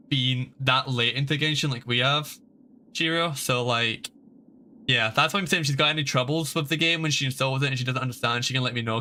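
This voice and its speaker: A young man with a medium-pitched, bright, forceful voice livestreams a video game. He chats casually and rambles informally while offering game advice.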